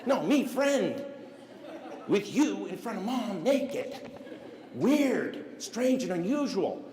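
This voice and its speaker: A stunned little boy blurts out broken phrases in a high, halting voice, as a man puts him on. His voice pitches far up and echoes around a large hall. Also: sing-song, warm tone, some chatter behind, slight background noise, exaggerated voice. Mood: incredulous.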